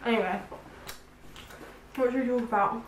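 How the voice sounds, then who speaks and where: She speaks at normal speed in a fairly high voice, a chatty, teasing London vlogger in her 20s co-hosting a casual food taste-test. Faint background hiss and echo fill the room.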